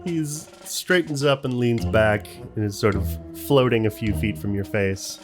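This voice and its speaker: A man runs a tabletop role-playing game, describing scenes off the cuff and calling for rolls. His voice sits at a middle pitch, with faint music behind it. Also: a little slow. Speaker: game master. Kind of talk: improvised tabletop game narration. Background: background music.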